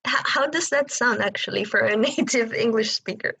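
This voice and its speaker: A woman's voice: a little high, normal speed, vocal fry, sharp tone, breathy edge, no room sound. A woman from Chile, a native Spanish speaker, talking English with a Chilean accent in a casual podcast chat as a musician guest.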